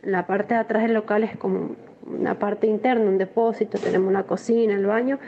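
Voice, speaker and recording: A woman with a Rioplatense Spanish accent gives a shaken, halting first-person testimony, often restarting her sentences. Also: mid-range voice, steady tone, dull audio. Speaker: interviewee recounting an assault.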